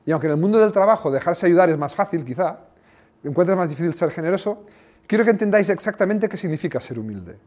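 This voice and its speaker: High-voiced Spanish man telling stories. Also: quick pace. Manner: animated storytelling with sound effects. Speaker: motivational speaker and former coach. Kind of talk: motivational talk to an audience.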